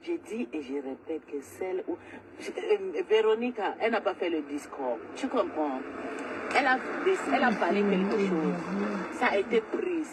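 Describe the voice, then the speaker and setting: Angry lady ranting on a phone livestream, loud noise behind. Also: on the low side, expressive, normal speed. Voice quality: agitated, loud, repetitive ranting. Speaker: live streamer. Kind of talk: angry social media livestream rant.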